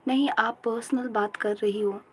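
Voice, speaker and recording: Speaking a little high in a steady tone, the young Indian woman recites her notes over and over in slow drills on her study stream. Between rounds she chats fast with viewers in mixed Hindi and English. Slight background noise comes through the low-quality recording.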